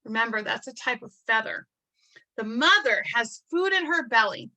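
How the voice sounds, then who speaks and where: A woman reading a picture book aloud to children, marveling in a gentle, teacherly way and adding chatty asides to explain things. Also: a little high, lively intonation, normal speed, rough recording. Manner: adds chatty explanatory asides between passages.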